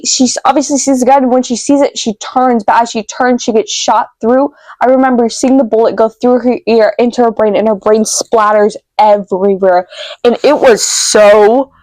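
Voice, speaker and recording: A woman vlogger retelling a vivid dream to camera, emotional and halting, with many fillers and restarts. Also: on the high side, a little mellow, dry recording. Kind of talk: casual storytelling to camera.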